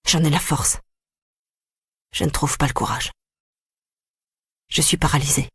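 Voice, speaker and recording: A grave audiobook narrator telling a dark story in the first person. The voice is husky and sits close to the mic, with a dry sound and no room around it. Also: medium pitch, measured pace, no room sound. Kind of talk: scripted narration.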